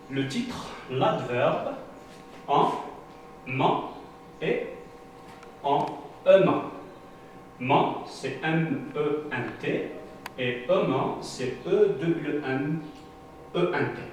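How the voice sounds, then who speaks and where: A man teaching a French lesson to pupils. He talks slowly, repeats himself and spells out word endings letter by letter. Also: medium pitch. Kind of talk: classroom lesson. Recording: echoey room, voice from a distance, faint hiss.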